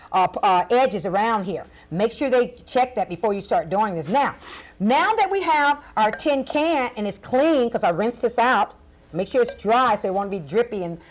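A woman's voice: fairly high pitch, close to an everyday voice. A woman playing a cheerful female clown who teaches a children's craft lesson in a sing-song, coaxing voice. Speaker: arts and crafts host.

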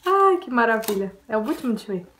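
Young Brazilian woman vlogger, bubbly and giggly, bright high-ish voice, casual home chat. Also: sing-song, quick pace, slight background noise. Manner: giggly, bubbly, easily embarrassed. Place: home, indoors by a window.

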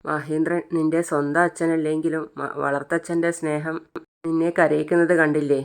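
A narrator reading a worried grandmother's lines in a flat, soothing voice while retelling a serial scene. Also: mid-range voice, moderate pace, clear, resonant tone, natural voice.

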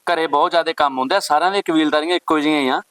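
A man's voice: on the high side, racing, fairly bright tone, clean tone, no echo, lightly acted. A man with an Indian Punjabi accent playing a protective brother who stands up for his sister. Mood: gentle. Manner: firm, scolding. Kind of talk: village family short film acting.

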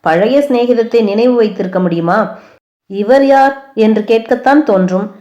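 A woman's voice: on the high side, normal speed, mellow, natural voice. A woman voicing a young prince who speaks mockingly, then affectionately, in an audiobook. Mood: teasing. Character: young prince, teasing then tender, male.

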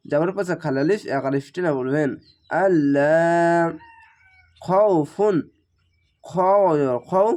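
Teacher spelling out Quran words. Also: male voice, fairly high pitch. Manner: spells each letter and vowel, then slows to chant the whole word.

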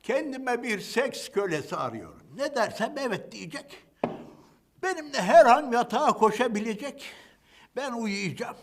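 A man's voice: very high voice, sing-song, exaggerated voice. A man playing a randy old man in his seventies. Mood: bawdy. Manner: crude, slow, cackling old man drawl. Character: lewd incontinent old man suitor, seventies. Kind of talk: comedy sketch, dating show parody.

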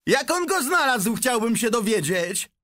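A man voicing an angry, resentful big boy shouting in a crowd, in a storybook reading. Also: very high voice, big pitch swings, measured pace, voice pushed up, full character voice.

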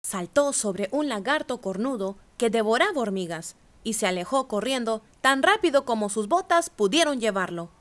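A woman reads a children's picture book aloud, animating each line. Her voice is high and swoops expressively through the narration. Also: lively intonation, moderate pace. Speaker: storyteller.

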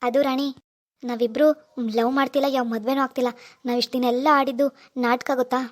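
A woman's voice: high-pitched, level tone, brisk, voice pushed down, natural voice. A woman voicing a young husband in a cartoon, earnest, pleading and insistent. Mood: apologetic. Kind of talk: animated cartoon dialogue.

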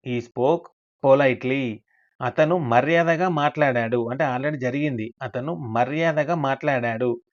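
A man teaching English with a Telugu accent, his voice at an ordinary middle pitch. He reads each English example sentence very slowly and then repeats it. The recording sounds a little dull and lo-fi. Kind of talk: spoken English lesson.

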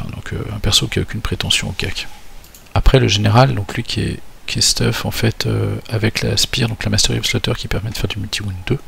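A man's voice: on the low side, gravelly, fairly bright tone, a little hiss or hum. A man walking through his tabletop army list for a battle report, talking hesitantly with many fillers and restarts. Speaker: tabletop wargame player.

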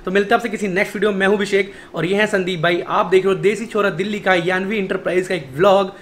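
A young man with a Delhi accent, hosting a casual vlog and talking in a friendly, chatty way. His voice sits high for a man. He records on a phone held at arm's length in a small shop office, with faint room ambience behind him. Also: steady tone, fast talker, a bit bright, a little hiss or hum. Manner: chatty, friendly, calls the other man brother. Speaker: vlogger host. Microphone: phone camera held at arm's length.

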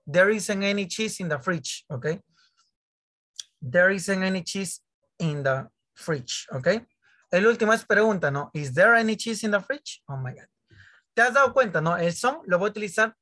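A man's voice: high-pitched, lively intonation, normal speed, bright, forceful tone. A man teaching English grammar in an online primary class, joking and teasing his pupils and acting out their questions. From Peru.

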